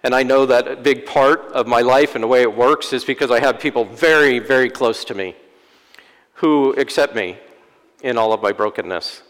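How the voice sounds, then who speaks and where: Wry priest preaching in a reverberant church. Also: male voice, mid-range voice, normal speed, a bit bright. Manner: wry, self-deprecating humor. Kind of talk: sermon. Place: church sanctuary. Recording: long church-hall reverb.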